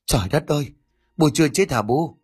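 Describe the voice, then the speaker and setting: A man puts on a high-strung middle-aged daughter-in-law, her voice raised well above his own and clipped in emphatic bursts. There is a husky grain under it. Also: a little slow, faint music behind. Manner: stammering, then sharp and determined.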